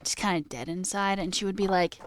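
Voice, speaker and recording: Here a woman with a mid-range voice talks fairly quickly to viewers in her live chat, drifting off on tangents as she tells stories. Casual swearing and frequent "like"s fill her speech. The audio is clean and studio-like with no room sound, captured through corded headphones.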